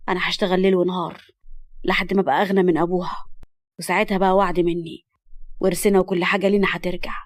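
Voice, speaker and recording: A woman voicing a firm, protective young man in a lowered voice, with an Egyptian accent. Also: little pitch movement, very fast, natural voice. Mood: determined. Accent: Egyptian Arabic.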